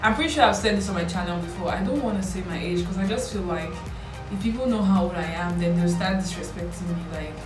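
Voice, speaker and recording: A young vlogger in her twenties from Lagos, Nigeria, chats casually and playfully to camera, answering questions quickly with few pauses. Her voice sits fairly low for a woman. Recorded from a distance in a small bare-walled room, the audio has a roomy echo and music behind her.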